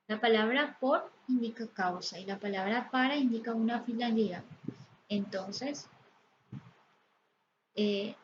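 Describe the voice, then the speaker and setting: A woman teacher explains grammar at a very slow, deliberate pace, pausing often. Her voice sits a little high. The recording is slightly dull and lo-fi, with a faint hiss behind her. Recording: slightly dull, lo-fi sound with faint background noise.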